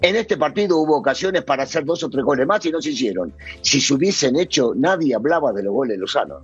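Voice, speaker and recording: A man's voice: medium pitch, expressive, quick pace, highs cut off, soft background music. A man with an Argentine accent, a former player turned sports pundit, arguing his point insistently in a studio debate. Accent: Argentine Spanish. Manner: insistent, argumentative.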